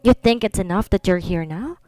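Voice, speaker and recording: A woman's voice: mid-range voice, normal speed, no room sound, faint music behind, lightly acted. A woman voicing a stubborn, hurt young wife. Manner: sharp refusals, then tearful reproach. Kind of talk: storybook reading.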